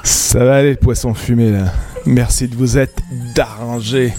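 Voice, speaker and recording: A man playing a deadpan, put-upon wedding guest in a comic radio serial. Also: medium pitch, normal speed, loud music behind the voice, close to an everyday voice. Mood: puzzled.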